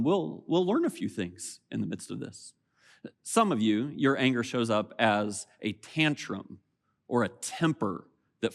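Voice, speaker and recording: A man preaching a sermon as pastor, conversational and animated, acting out little quotes from everyday people. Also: mid-range voice, creaky. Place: church auditorium.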